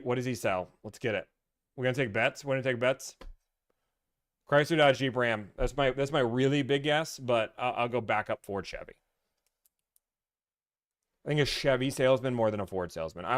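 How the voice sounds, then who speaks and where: Smooth-voiced man rambling on a live stream. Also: mid-range voice, a little fast, pauses often. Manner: rambling, teasing, reads and answers chat comments. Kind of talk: casual live-stream chat.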